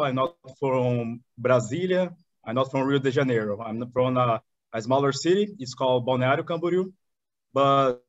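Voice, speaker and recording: Interviewed over a video call, a chamber of commerce director in his thirties, a Brazilian from the country's south whose native tongue is Portuguese, answers eagerly in halting, accented English full of restarts. He has a mid-range voice and sits in an indoor room in front of curtains. His webcam captures dull, dry audio.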